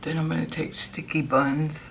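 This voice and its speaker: A woman's voice: sits low, little pitch movement, normal speed, vocal fry, a little hiss or hum. A woman chatting casually through a makeup tutorial, chewing gum as she talks and often trailing off into a murmur. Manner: chewing gum while talking. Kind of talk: casual chat while applying makeup.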